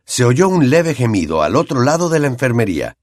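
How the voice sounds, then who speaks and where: A man narrating an audiobook in an expressive storytelling manner. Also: medium pitch, brisk, no room sound, clean studio sound. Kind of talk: scripted narration.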